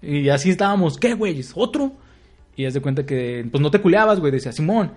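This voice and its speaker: A young man with a Mexican accent, co-host of a casual podcast. His voice sits a bit high, and he tells stories full of slang, laughing and acting out the lines of others. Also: expressive, fairly quick. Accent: Mexican Spanish. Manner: slangy, laughs often, acts out quotes. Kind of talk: casual chat.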